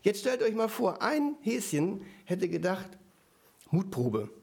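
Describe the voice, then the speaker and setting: Lebhafter Prediger mit hoher Stimme. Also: male voice, high voice, a little slow, gravelly. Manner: lively, conversational, with frequent asides to the audience. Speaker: preacher. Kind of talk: sermon.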